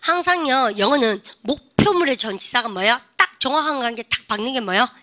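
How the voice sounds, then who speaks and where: A middle-aged woman teaching English grammar in a classroom, lively and drilling her students with call-and-response prompts. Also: fairly high pitch, brisk. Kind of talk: classroom lecture.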